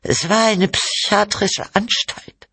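A man's voice: medium pitch, expressive, measured pace, creaky, husky, dry recording, voice pushed up, exaggerated voice. A man putting on a frail, bitter mother. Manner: bitter, accusing, breathless outbursts. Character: frail distraught mother, middle-aged woman.

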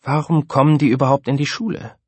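A man's voice: mid-range voice, fairly even intonation, fast talker, husky, no echo, voice pushed up, lightly acted. A man voicing a patient adult male teacher who speaks earnestly to a student in an audiobook.

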